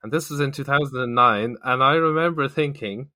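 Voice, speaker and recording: A man's voice: medium pitch, fairly quick, pushed and bright, no echo, clean studio sound. A man in his thirties with a west of Ireland accent, chatting casually as an interview guest on a podcast. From Galway, west of Ireland. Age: 30s.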